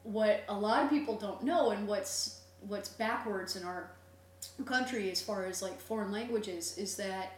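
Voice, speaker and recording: A middle-aged woman with a mid-range voice chats casually at a measured pace, telling stories and explaining things at length. The recording is echoey, from a distant mic, with faint noise and hum.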